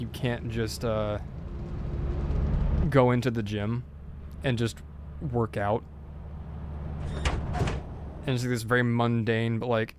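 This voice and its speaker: A man's voice: mid-range voice, background noise. Tired man rambling over gameplay. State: tired, sleep deprived. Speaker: game streamer. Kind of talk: casual gameplay commentary.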